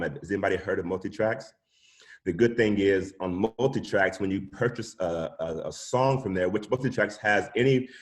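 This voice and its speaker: Deep voiced guy teaching music software over a zoom call, chill and chatty, says y'all a lot. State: sucking a cough drop. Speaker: music production instructor. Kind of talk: live online workshop teaching. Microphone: video call.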